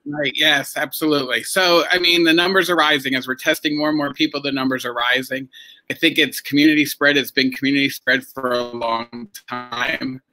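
A man's voice: mid-range voice, fairly even intonation, moderate pace, bright, forceful tone, faint music behind, rough recording. A man, a doctor calling in from work over a video call, giving brief, matter-of-fact updates while his audio keeps cutting out. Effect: choppy audio cutting out on a bad connection. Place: at his workplace.

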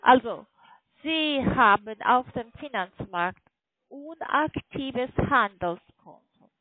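Over a muffled phone line where the microphone volume keeps shifting, a foreign-accented woman, not a native German speaker, pushes online trading from a call centre. Her pitch is halting yet insistent and expressive, and she frequently asks for agreement. There's no echo.

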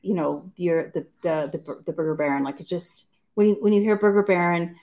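A woman hosting a casual talk show interview, chatty and agreeable with quick reactions. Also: on the low side, steady tone, warm tone.

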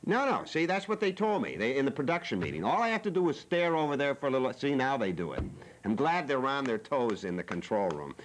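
A man's voice: medium pitch, very animated, quick pace. A man hosting a cable TV talk show from a studio, joking and teasing in a rambling way. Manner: playful, teasing.

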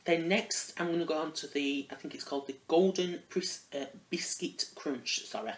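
A man's voice: a little high, moderate pace. A man giving a casual spoken product review, rambling and hesitant, often restarting his phrases. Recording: roomy echo.

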